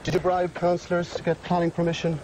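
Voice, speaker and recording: A man's voice: sits high, monotone, fast. A man with an Irish accent, a television reporter putting persistent, probing questions in a doorstep interview. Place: outdoors on a country road, walking. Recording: outdoor roadside location with background noise.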